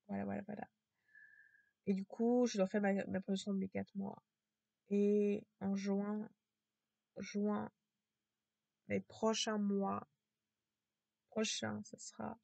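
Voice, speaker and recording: A woman talking to camera in a casual vlog with a low, strained voice, hesitant and repetitive, full of fillers and restarts. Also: a little mellow, dry recording, muffled recording. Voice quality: low, gravelly voice.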